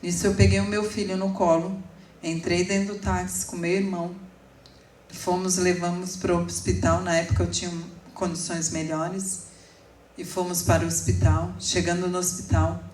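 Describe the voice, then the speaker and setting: A woman in her forties giving an emotional sermon testimony, telling her story slowly with sudden emphatic rises. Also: lowish voice, little pitch movement, darkish tone, a little hiss or hum. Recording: echoey room, speaker far from mic.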